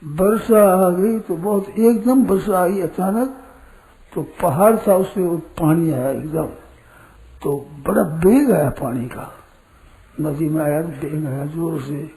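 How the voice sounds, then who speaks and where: Older male preacher, high mellow voice, deliberate storytelling discourse. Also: poor audio. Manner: storytelling, rhetorical questions, slow and deliberate. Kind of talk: spiritual discourse.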